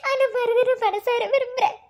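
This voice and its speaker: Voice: fairly even intonation, fairly quick. Arundhathi, a tearful village girl. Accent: Madurai Tamil. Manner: tearful, pleading, high and thin. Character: young village woman begging to wed her love. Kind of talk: cartoon voice acting.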